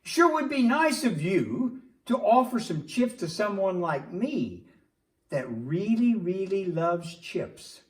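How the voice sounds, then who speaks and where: A man's voice: sits high, big pitch swings, takes it slowly, exaggerated voice. A man voicing a cheerful male puppet friend in a church skit, patiently explaining and angling for chips. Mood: wheedling. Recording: echoey room, distant mic.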